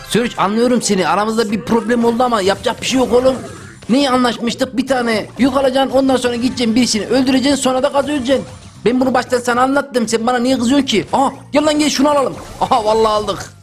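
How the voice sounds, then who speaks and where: Young man, very high voice, excitable gaming commentary, joking and shouty, faint music behind. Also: fast talker. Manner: loud, exclamatory, joking. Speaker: gaming YouTuber.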